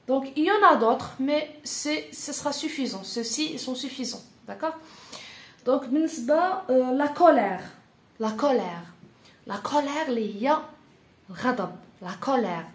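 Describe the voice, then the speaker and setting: A woman French teacher with a Moroccan accent, giving a lesson. She repeats key phrases slowly, checks in often, and sometimes pauses and restarts while searching for a word. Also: high-pitched, expressive. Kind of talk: classroom-style language lesson. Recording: roomy echo.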